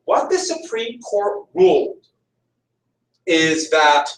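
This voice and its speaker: A man with a somewhat high, sing-song voice speaks slowly as he gives a conversational history lecture in class, repeating the key points to drive them home. The audio is echoey, recorded with the mic far off.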